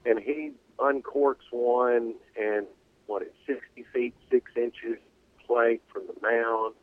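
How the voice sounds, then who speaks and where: A man's voice: mid-range voice, fairly even intonation, slow pace, no echo. Guy calling in on a bad cell line, all buzzy and glitchy, rambly story, keeps restarting. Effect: buzzy, glitchy cell call that keeps cutting out. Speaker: caller. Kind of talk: casual phone-in storytelling. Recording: tinny dry phone line.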